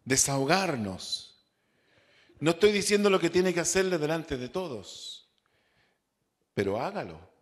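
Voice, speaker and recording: Slow, deliberate Chilean pastor. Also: male voice, a little high, very animated. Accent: Chilean Spanish. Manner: slow, drawn-out preaching with rhetorical questions and repetition. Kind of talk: sermon, Bible study.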